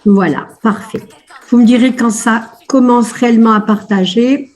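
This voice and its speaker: High-voiced, upbeat woman coaching a webinar. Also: normal speed, darkish tone. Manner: upbeat, repeats praise words; chatty with many fillers. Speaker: life coach. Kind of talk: live online coaching webinar. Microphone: video call.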